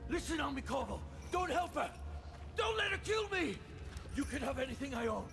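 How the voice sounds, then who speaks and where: A man voicing a rough, desperate gang leader held captive in a video game, forceful in plea and threat. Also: very high-pitched, big pitch swings, moderate pace, over music, full character voice. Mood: desperate pleading. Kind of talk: video game character acting.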